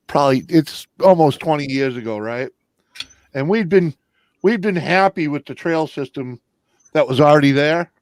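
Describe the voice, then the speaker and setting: A man chatting casually on a live stream, his voice sitting a little high for a man. He rambles and keeps tossing in "you know". The sound is dry and close, with no room around it. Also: no echo. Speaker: panel guest.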